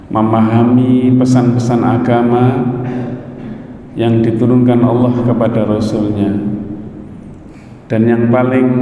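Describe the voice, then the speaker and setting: A middle-aged Indonesian man preaching a dawn sermon in a mosque, chanting an Arabic opening and then explaining calmly to the congregation. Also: medium pitch, slight background noise. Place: mosque hall. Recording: echoey mosque hall, distant and dull mic.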